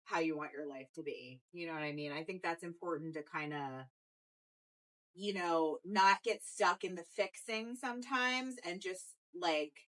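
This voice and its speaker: A woman in a casual wellness podcast chat, speaking in a calm, encouraging, reflective way. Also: on the low side, unhurried.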